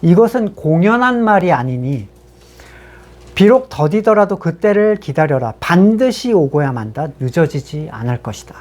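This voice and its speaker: Speaking at a medium pitch, this pastor takes a conversational approach to his sermon, reading passages of scripture aloud and unpacking them with rhetorical questions aimed at the congregation.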